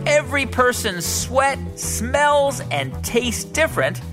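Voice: sits high, big pitch swings, takes it slowly, music in the background, full character voice. A performer playing an earnest, easily startled co-host in a scripted children's comedy podcast, with an exaggerated announcer delivery. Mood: showy, upbeat. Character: earnest, easily startled game show host, comic straight man. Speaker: co-host of a children's science game show podcast.

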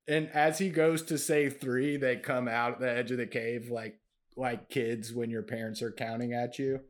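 A man's voice: mid-range voice, steady tone, moderate pace. A man narrating as game master in a loose, laughing storytelling manner.

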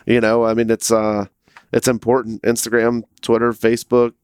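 A man in a casual interview, talking about his own business. He restarts his sentences and thinks aloud as he goes. His mid-pitched voice sits in a dry, close room with no echo. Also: monotone, normal speed, darkish tone, clear, resonant tone. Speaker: interview guest, food entrepreneur.

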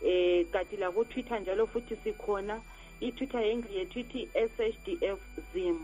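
A woman's voice: mid-range voice, a little fast, mellow, soft background music, low-quality recording. A woman with a Zimbabwean accent answering listeners' questions as a radio guest, explaining details step by step. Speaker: radio guest, organisation representative.

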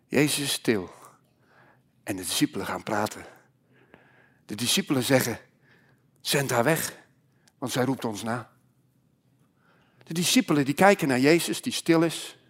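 A man preaching a sermon as pastor, moving between loud exhortation and hushed, quiet passages. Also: mid-range voice, lively intonation, unhurried, pauses often, slightly rough.

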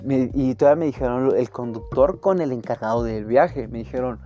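A man's voice: mid-range voice, fairly quick, lo-fi sound, soft background music. Slangy young Mexican man telling a story. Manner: slangy, lively storyteller who acts out the dialogue. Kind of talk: casual storytelling.

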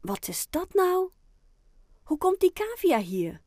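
A woman voicing a kind, cheerful female after-school carer in a children's audiobook, speaking gently and in a friendly way. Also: very high-pitched, big pitch swings, takes it slowly, no room sound, studio quality, pitched above the performer's own voice, full character voice. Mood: amused.

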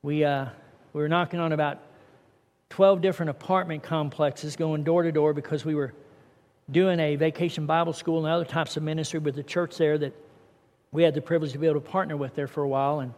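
A man's voice: a little high, fairly even intonation, a little fast, darkish tone. A middle-aged man preaching a sermon as pastor, earnest and conversational with rising emphasis. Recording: long hall reverb.

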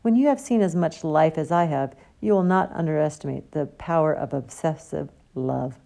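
A woman's voice: deep voice, normal speed, creaky, dark tone. A woman voicing a genial, pompous older male potions teacher who talks theatrically.

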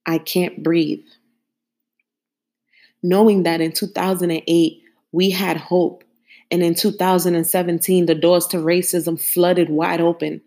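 A woman host in her thirties delivering a solemn spoken-word monologue, measured and grave, built around a repeated refrain. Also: fairly low pitch, darkish tone. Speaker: podcast host.

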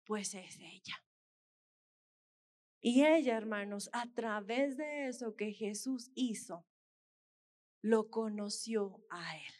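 Woman preacher, high-pitched, deliberate pace, sincere testimony that keeps calling out to the brothers. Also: darkish tone. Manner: earnest storytelling, repeatedly addressing listeners as brothers. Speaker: missionary dentist. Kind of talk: testimony sermon to a congregation.

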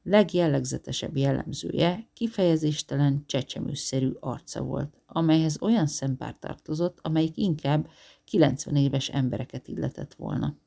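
A man reading a novel aloud as an audiobook narrator, measured and even. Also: on the high side, vocal fry. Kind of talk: scripted narration.

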